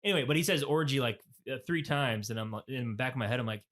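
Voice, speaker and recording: A man in his thirties co-hosting a podcast, chatting casually. He tells stories with energy, acts out the lines he quotes, and swears freely. His voice sits at an ordinary middle pitch. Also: quick pace. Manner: animated storyteller acting out quotes, swears freely. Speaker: podcast co-host. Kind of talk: casual chat.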